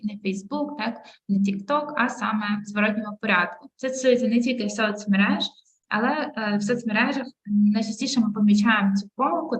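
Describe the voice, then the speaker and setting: A young adult woman with a Ukrainian accent teaching an online English webinar, clearly explaining words and switching between two languages. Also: a little high, poor audio. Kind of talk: bilingual webinar lesson.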